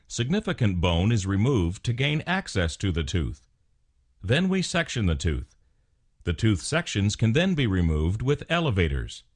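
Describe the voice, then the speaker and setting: Man, lowish pitch, animated intonation, formal clinical narrator, scripted explainer. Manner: formal, measured, clinical delivery. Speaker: narrator of dental explainer videos.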